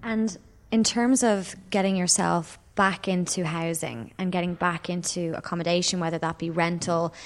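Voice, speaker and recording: A woman interviewing and narrating, asking questions gently and carefully. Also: lowish voice, fairly even intonation, normal speed.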